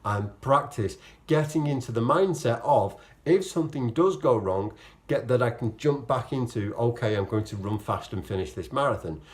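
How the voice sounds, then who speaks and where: A man's voice: medium pitch, lively intonation, moderate pace. Casual male vlogger with a rambling delivery. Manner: rambling, self-correcting explanations with acted-out quotes of own thoughts. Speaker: vlogger, amateur marathon runner. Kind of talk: casual, chatty vlog to camera.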